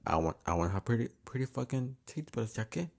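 A man's voice: medium pitch, big pitch swings, fast, creaky, a little mellow. A man with braces on his teeth chatting casually as a solo podcast host, swearing freely and slipping between English and Spanish.

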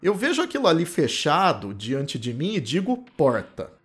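Lively Campinas-accented man lecturing. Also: a little high, moderate pace, husky. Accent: Campinas interior São Paulo, retroflex caipira R. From Campinas, interior of São Paulo state, Brazil. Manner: animated and explanatory, often adds "né?" tags. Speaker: linguistics professor and podcast host. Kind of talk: explanatory podcast lecture. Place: home office.

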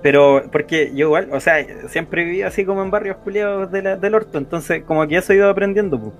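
A man's voice: high-pitched, fast, soft background music. A man with a Chilean accent, a podcast co-host, explaining his ideas in rambling, slangy casual chat.

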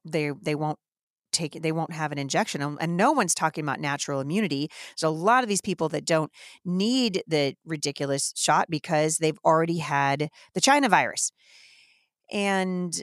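Indignant low-voiced woman host. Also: no room sound, clean studio sound. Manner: indignant, emphatic, fast-flowing. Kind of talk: impassioned devotional talk.

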